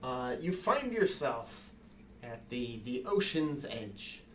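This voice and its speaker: A man narrating as game master in casual banter, laughing often and tossing in quick asides. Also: medium pitch, very animated, a little hiss or hum.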